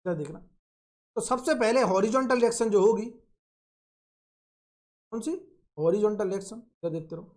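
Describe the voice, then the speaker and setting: A man's voice: sits high, a little mellow. A man teaching engineering in a recorded online lecture, drawing out and repeating key phrases and asking and answering his own questions. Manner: slow, drawn-out repetition of key phrases. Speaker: engineering tutor.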